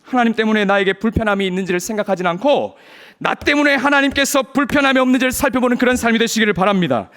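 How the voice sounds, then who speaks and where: A man preaching a Sunday sermon in a notably high voice. He speaks earnestly to his congregation, posing searching rhetorical questions as he pleads with them. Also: expressive, quick pace, a bit bright. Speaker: pastor.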